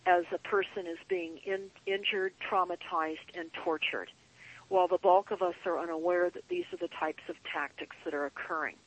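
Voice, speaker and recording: A woman guest on a call-in show, speaking in an earnest, deliberate, emphatic way, like a paranoid late-night rant with drawn-out phrases. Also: lowish voice, rough recording. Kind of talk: earnest conspiracy monologue.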